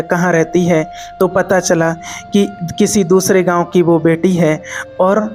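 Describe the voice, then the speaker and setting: A male preacher tells a moral story in a measured, repetitive storytelling manner. His voice sits fairly high for a man. Soft background music plays faintly under his speech. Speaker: spiritual preacher. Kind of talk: spiritual storytelling discourse.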